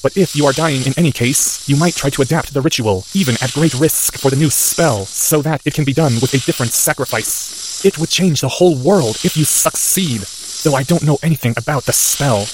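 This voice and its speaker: A man's voice: mid-range voice, a little fast, background noise, voice pushed up, natural voice. A man voicing an earnest, anxious boy wizard, speaking in a strained, urgent way. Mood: urgent, careful.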